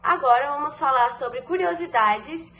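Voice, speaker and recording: Young female student, high voice, measured scripted reading. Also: pushed and bright, a little hiss or hum, rough recording. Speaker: student presenter. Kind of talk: school presentation.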